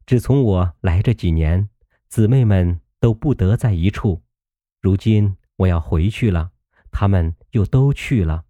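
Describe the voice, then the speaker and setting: Male reader voicing a soft-spoken, sharp-tongued young maid; low, mellow, animated. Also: unhurried, no room sound. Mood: gentle, teasing. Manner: coaxing, teasing, reproachful.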